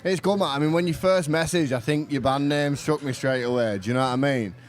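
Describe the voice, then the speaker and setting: A man with a Bradford Yorkshire accent hosting a podcast in a relaxed, chatty way, laughing easily. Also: fairly high pitch, fairly quick. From Yorkshire, England. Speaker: podcast host. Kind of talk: casual chat. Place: venue bar.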